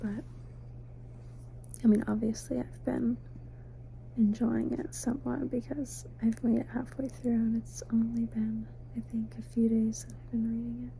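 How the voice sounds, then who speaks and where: A woman giving a soft, sleepy, casual ASMR ramble, mostly in a breathy whisper, unhurried and intimate as if talking to the listener. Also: on the high side, little pitch movement, a little hiss or hum, low-quality recording. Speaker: ASMR host. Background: faint night ambience, crickets outside.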